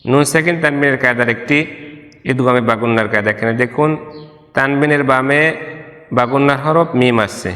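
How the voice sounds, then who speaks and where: A man in a long, ringing hall reverb gives a patient recitation lesson at a mid pitch. He breaks each word into single syllables and names the vowel marks one by one. Now and then he chants a verse in a slow, melodic recitation. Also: bright, forceful tone. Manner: slow, syllable-by-syllable spelling of sounds. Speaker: Quran reading teacher.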